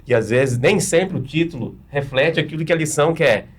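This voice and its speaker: A man's voice: a little high, normal speed, breathy edge. A man with a Brazilian Portuguese accent, a pastor explaining step by step with practical examples in a panel discussion.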